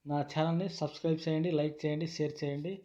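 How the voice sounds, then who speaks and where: A YouTube product reviewer, his voice slightly high and very even, presents a product informally. He explains deliberately, phrase by phrase, repeating himself often, and the recording sounds dull and lo-fi.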